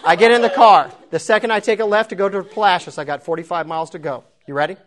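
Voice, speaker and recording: A man preaching a sermon, telling a comic story in a lively, self-mocking way. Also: high-pitched, fast talker.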